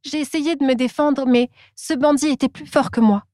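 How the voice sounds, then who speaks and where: A woman's voice: sits high, steady tone, normal speed, dark tone, no room sound, clean studio sound, pitched above the performer's own voice, lightly acted. A woman voicing a small, clever trickster rabbit in a children's storybook reading, speaking in a persuasive way.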